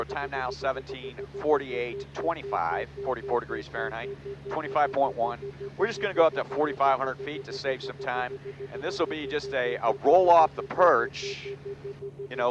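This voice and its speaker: Matter-of-fact male pilot over loud cabin noise. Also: mid-range voice. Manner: matter-of-fact, clipped procedural callouts. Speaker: pilot demonstrating flight maneuvers. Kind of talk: technical in-flight commentary. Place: small airplane cockpit in flight. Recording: dull audio, loud aircraft cabin noise. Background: engine and cabin drone.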